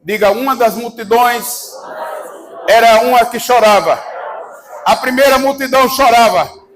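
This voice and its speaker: A Brazilian man preaching a sermon as pastor, fervent and shouting, calling the congregation to answer back. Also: extremely high pitch, unhurried, poor audio. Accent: Brazilian Portuguese. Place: church service.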